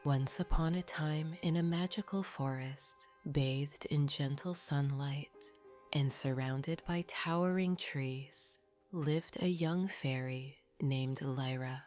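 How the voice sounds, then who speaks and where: Sleep story narrator: woman, low soft half-whisper, very unhurried, soothing bedtime delivery over music. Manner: soothing, unhurried, gently guiding listeners to rest. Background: background music.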